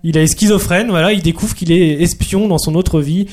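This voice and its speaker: A man's voice: high voice, moderate pace, darkish tone. A man co-hosting a casual chat about TV series, hesitant, with many fillers. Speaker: podcast co-host.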